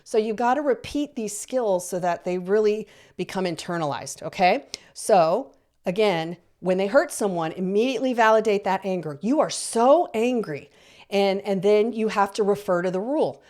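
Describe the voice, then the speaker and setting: A woman's voice: mid-range voice, moderate pace, darkish tone. A middle-aged woman giving parenting advice, encouraging, repeating her points and checking in with the listener. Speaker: parenting coach. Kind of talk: instructional talk to parents.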